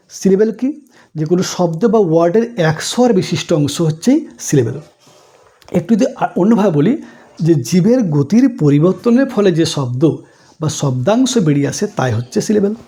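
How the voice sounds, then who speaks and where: A male teacher works through a grammar lesson in a slightly high yet mellow, dark-toned voice. He explains slowly and patiently, asks the class questions and answers them himself. He recaps each point as a repeated list. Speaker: English teacher.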